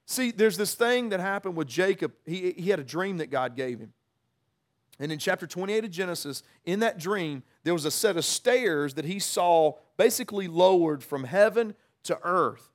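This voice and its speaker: A man's voice: sits high, expressive, normal speed. A man preaching an informal, conversational sermon, earnest in tone and often restarting or repeating words as he works through a passage.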